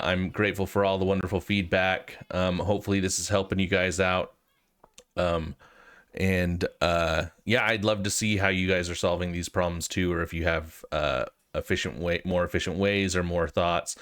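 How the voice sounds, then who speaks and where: An American man with a deep, slightly bright voice and a clear, resonant tone hosts a programming walkthrough video. He has a cold and explains things in a casual, informal way, hesitating as he thinks aloud.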